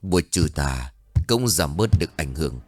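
A man voicing an old village spirit medium woman who speaks calmly, low and firmly. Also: normal speed, faint music behind. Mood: grave.

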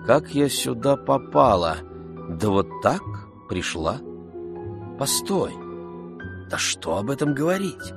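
A man reading an audiobook, voicing a playful, mischievous young woman in a raised, lively voice. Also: medium pitch, takes it slowly, creaky, pauses often, over music, voice pushed up, exaggerated voice.

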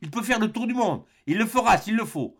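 A man's voice: high voice, expressive, brisk, a bit bright, husky, pitched above the performer's own voice, heavily acted. A man voicing an ardent young noblewoman. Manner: pleading, rising with enthusiasm.

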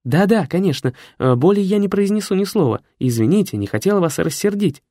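A man's voice: high-pitched, animated, brisk, mellow, dry recording, studio quality, voice pushed up. A man playing a polite, fussy male secretary who talks in a formal, courteous, slightly know-it-all way. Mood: prim, courteous.

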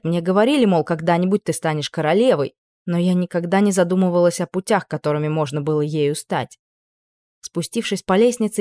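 A woman reading a first-person novel aloud, expressive and emotional. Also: medium pitch, no echo, studio quality. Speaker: audiobook reader. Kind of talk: first-person audiobook narration.

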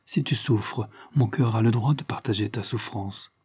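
A man voicing a young woman in an audiobook, speaking softly and tenderly. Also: lowish voice, normal speed, slightly rough, dry recording, studio quality. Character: young woman, gentle and devoted. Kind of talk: audiobook character reading.

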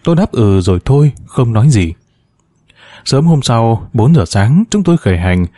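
A man narrating a story in a measured, expressive way. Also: mid-range voice, dry recording, clean studio sound.

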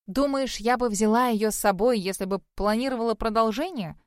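A woman voices a flustered young heroine, pitched a little high and quick to snap back. She sounds defensive and exasperated, with a dry, close sound. This is a storybook character brought to life with a sharp tongue. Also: no room sound, natural voice. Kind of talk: audiobook character voice.

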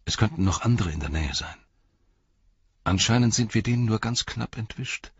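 A thoughtful hobbit speaks low and earnest, keeping his husky deep voice quiet, as a male reader puts him on. The recording is close, dry and a bit dull. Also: animated, normal speed, no room sound, full character voice. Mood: grave.

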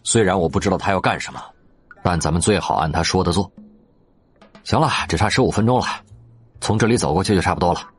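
A man voicing a gruff middle-aged male army commander in an audiobook, speaking curtly and dismissively. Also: low voice, fast, long pauses, soft background music. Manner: curt, dismissive. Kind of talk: audiobook character voice.

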